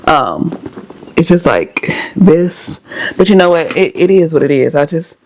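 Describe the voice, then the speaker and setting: A lifestyle vlogger with a hoarse, slightly low-pitched voice chats easily and directly to her viewers. Her manner is relaxed and conversational, and she speaks a little slowly.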